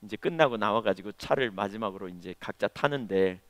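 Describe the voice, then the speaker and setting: A middle-aged man preaching a Sunday sermon as pastor, telling a personal story and sometimes stumbling over words when he speaks quickly. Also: on the low side, no room sound. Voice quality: stammers when speaking fast. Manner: storytelling, swings between loud emphasis and quiet asides. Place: church sanctuary.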